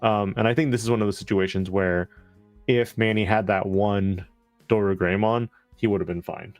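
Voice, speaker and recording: A man co-casting a card game tournament live, calmly breaking down the plays. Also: fairly low pitch, moderate pace, no echo, faint music behind. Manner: calm, explanatory, breaks down plays. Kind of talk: live color commentary.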